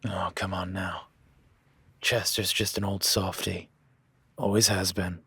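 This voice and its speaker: Playing a cowboy ranch hand who shows a newcomer around, a man performs heavily acted, with a low-pitched, husky, sharp voice that stays level and slow. The character is rugged, plain-spoken and folksy, easygoing but prone to casual swearing, and there's no room sound in this audio roleplay.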